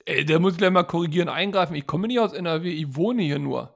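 A man's voice: on the high side, quick pace, gravelly. A man from Germany co-hosting a casual football podcast, joking and teasing the others. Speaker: podcast co-host.

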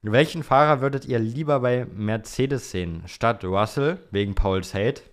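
A man with a mid-range voice and measured pace co-hosts a podcast, chatting casually about motor racing. His talk is opinionated and teasing, and he mixes English words into his German.

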